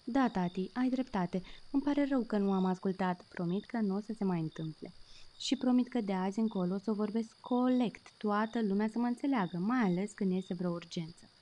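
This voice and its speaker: A woman's voice: medium pitch, warm tone, close to an everyday voice. A woman voicing a cheerful, proud little male kitten who mispronounces words in a childlike way. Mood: sweet.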